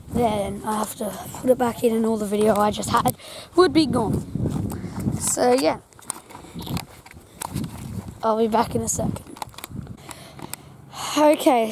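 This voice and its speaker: High, slow-talking woman on a farm. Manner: chatty, loose, full of fillers. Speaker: farm vlogger. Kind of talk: casual vlog narration. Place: outdoors on a farm paddock. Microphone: handheld camera mic. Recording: noisy outdoor camera audio. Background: outdoor ambience, animals, vehicle.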